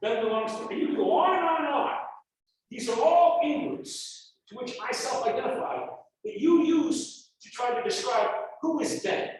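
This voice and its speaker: A man's voice: very high voice, normal speed, slight background noise. An American man, a university professor, giving an online lecture over a video call, acting out his examples. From United States. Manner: animated, acts out examples. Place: indoors, remote class. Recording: echoey video call audio.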